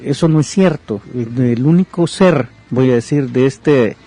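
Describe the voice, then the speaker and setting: On a podcast, a man offers pastoral counsel, teaching about forgiveness in a conversational way. He reads verses aloud, retelling a parable with explanatory asides, his mellow, medium-pitched voice keeping a measured pace.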